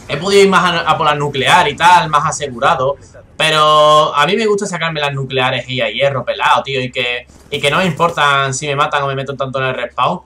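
A young man from Spain with a Spanish accent, excitably commentating a live shooter game, swearing and chatting with his viewers. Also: medium pitch. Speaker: gaming streamer.

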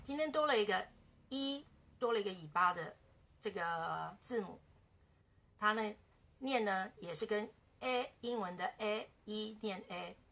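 Bright, gravelly-voiced woman teacher. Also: medium pitch. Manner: repeats words slowly for learners. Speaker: language teacher. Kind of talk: casual beginner language lesson.

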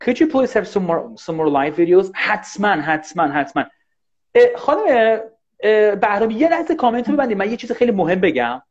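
A man teaching English in a casual live online class, talking fast and animated and often thanking viewers. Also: high voice. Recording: dull lo-fi livestream audio.

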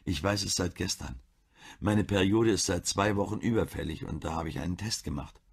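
A caring wife and doctor, as a male reader puts her on, gentle and pleading. Her voice stays low and gravelly. It sounds husky rather than clear. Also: brisk, heavily acted.

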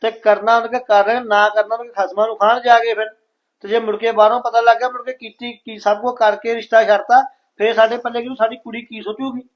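A man playing a father who reasons calmly with his wife in a family drama. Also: extremely high pitch, fast, muffled recording. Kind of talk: scripted family drama acting.

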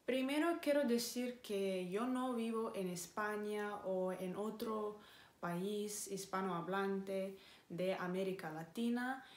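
A woman in her twenties from Moldova with a Moldovan accent and Romanian as her first language, talking casually to camera as a vlogger in a careful, deliberate way with small pauses. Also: mid-range voice. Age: 20s. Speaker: vlogger and English teacher. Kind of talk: casual vlog talk to camera. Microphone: camera mic. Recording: echoey room.

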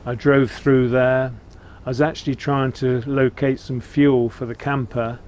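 A man's voice: medium pitch, flat delivery, measured pace, darkish tone. Older Englishman chatting, outdoor noise behind. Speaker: vlog host. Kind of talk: casual chat to camera, recounting a trip. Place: outdoors, seated beside a narrowboat. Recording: clear outdoor ambient noise.

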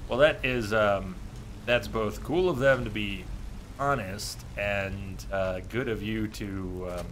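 His lowish, slightly bright voice moves at a slow pace as he hosts a casual gaming livestream. The man, in his thirties, muses and chats with viewers between game remarks. Background noise from game ambience is clear.

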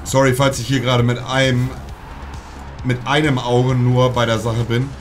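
A man's voice: medium pitch, flat delivery, moderate pace. A young man, casually commenting on his FIFA pack openings in slangy street talk, with game music faintly behind him. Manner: slangy, says "Digga" constantly, bursts into shouting at good pulls. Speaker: streamer opening FIFA packs. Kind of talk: casual live-stream commentary.

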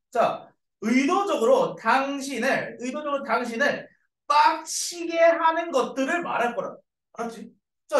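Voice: medium pitch, fairly bright tone. An English teacher giving a classroom grammar lecture to middle school students, repeating each point and checking in with them often. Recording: echoey room, mic far off.

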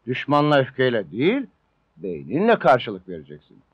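Wise old prison elder, dull recording. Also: male voice, medium pitch, wildly swooping pitch, slightly rough, no room sound. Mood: calm, commanding. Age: older. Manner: sententious, measured advice-giving. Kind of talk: Turkish film drama acting. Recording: dull old film soundtrack.

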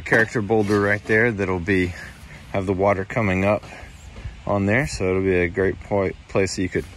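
A man's voice: lowish voice, fairly bright tone, poor audio. A man giving a casual walkthrough of a backyard pond build, talking plainly and explaining as he goes. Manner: plain, explanatory, loose restarts. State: out of breath. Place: outdoor backyard construction site. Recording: outdoor recording with wind noise.

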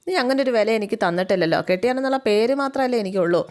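A woman's voice: medium pitch, rapid-fire, darkish tone, close to an everyday voice. A woman voicing an angry young husband who scolds his wife bitterly. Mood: angry, reproachful. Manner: scolding, reproachful.

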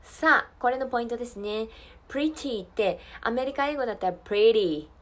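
A woman teaching an English lesson, saying model phrases slowly and carefully, then explaining quickly and repeating drill lines for learners to copy. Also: fairly high pitch. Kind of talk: language lesson.

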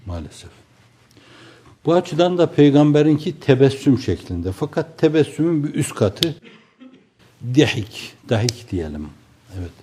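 An older man giving a slow, reflective religious sermon, often trailing off into quiet asides. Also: on the low side. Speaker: preacher.

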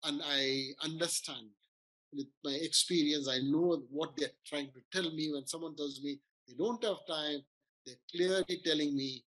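A man's voice: fairly high pitch, fairly even intonation, a little slow, a bit bright, rough recording. A middle-aged man, a doctor, giving a casual, earnest talk on weight loss, explaining with frequent restarts. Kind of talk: informal health talk.

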